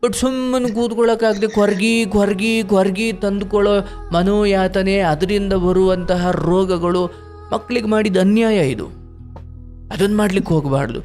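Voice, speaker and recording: A man counselling a caller on a live spiritual call-in show, telling a story with rhetorical questions and gentle scolding. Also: high-pitched, steady tone, normal speed, faint music behind.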